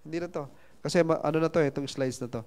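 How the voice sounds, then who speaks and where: Casting: male seminar presenter, high voice, playful storyteller. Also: quick pace, darkish tone. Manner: chatty, playful, asks the audience questions. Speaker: seminar speaker. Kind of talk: motivational seminar talk with storytelling.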